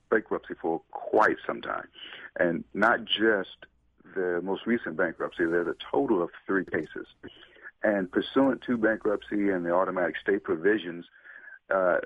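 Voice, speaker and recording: A man, a consumer protection attorney, speaking over the phone as a radio talk show guest and giving measured, deliberate legal explanations. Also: sits low, no echo. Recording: tinny phone line.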